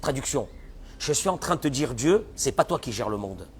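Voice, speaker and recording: A man giving a sermon as a rabbi, animated, often acting out the voices of people who complain. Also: medium pitch, normal speed, slight background noise.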